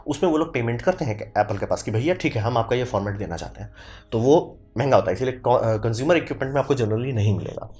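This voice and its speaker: A man casually explaining camera video formats to viewers, talking quickly and addressing them directly. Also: medium pitch, darkish tone.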